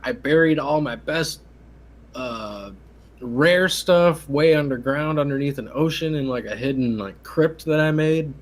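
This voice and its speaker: A man co-hosting a casual gaming podcast, telling a story with excitement and casual swearing. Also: on the high side, measured pace. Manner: animated, swears casually, tells stories with excitement. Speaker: podcast co-host.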